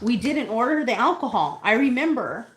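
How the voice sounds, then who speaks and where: A woman's voice: fairly high pitch, very animated, moderate pace. A woman co-hosting a casual live-stream vlog, chatting and laughing often. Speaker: vlog co-host.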